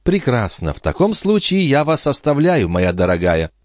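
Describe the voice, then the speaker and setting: A man reads an audiobook, raising his natural voice above its usual pitch to play the countess's companion, a grown woman who is sensible and lightly mocking. His medium-pitched delivery is very animated and teasing, at a moderate pace, with clean studio sound and no room echo.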